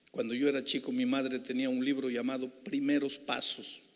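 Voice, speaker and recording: A man preaching an evangelistic sermon, shifting between hushed, intimate passages and impassioned, rising climaxes. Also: mid-range voice. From Peru. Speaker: pastor. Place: large civic center hall. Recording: reverberant civic hall.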